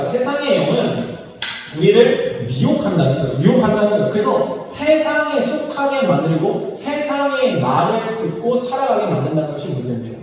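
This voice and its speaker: A man's voice: high voice, a little mellow. A man preaching a sermon as pastor, speaking conversationally and acting out quoted dialogue. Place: church sanctuary. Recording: echoey church hall, mic from far off.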